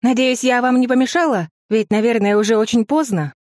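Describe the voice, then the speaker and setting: A nervous, hurried young woman, as a male narrator puts her on in an audiobook. The voice is pushed well above his own and chatters on breathlessly. The recording is dry and close. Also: very high voice, no room sound, voice pushed up. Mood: flustered. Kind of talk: audiobook character voice.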